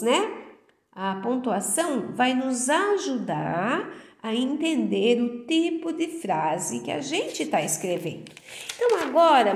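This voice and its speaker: A Brazilian woman teacher giving a recorded lesson to her pupils, slow and patient, often checking that the class follows along. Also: fairly high pitch. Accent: Brazilian Portuguese. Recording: echoey room.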